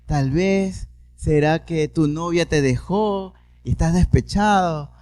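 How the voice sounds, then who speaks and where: A woman's voice: low-pitched, slow, mellow, dry recording, pitched above the performer's own voice. A man voicing his worried mother, who asks in a pleading, questioning way what she did wrong. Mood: anxious, pleading. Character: worried mother, tearful and bewildered.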